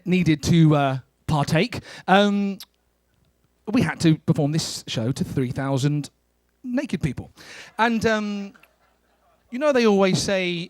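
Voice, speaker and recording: A man's voice: sits high, no room sound. British male cruise director, theatrical and courteous. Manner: theatrical, courteous showman delivery. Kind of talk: presenting and telling anecdotes to an audience.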